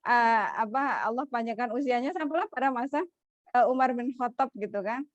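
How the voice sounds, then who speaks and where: Chatty high-voiced woman telling a story. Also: a little fast, no room sound, lo-fi sound. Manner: chatty, many fillers, laughs often. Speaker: religious storyteller. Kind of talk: casual storytelling.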